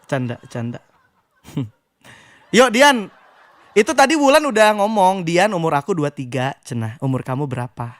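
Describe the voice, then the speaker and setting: Playful banter fills this live radio matchmaking call-in, where a young host teases his callers and erupts with hype when announcing. His slightly high voice swings widely in pitch at a moderate pace with frequent pauses, recorded studio-clean with no room sound.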